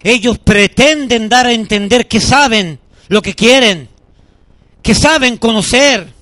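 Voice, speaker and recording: A man in middle age delivers a sermon, his voice sitting unusually high and ringing bright. He tells stories as he preaches and acts out the people in them with animated delivery. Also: slow. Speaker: pastor.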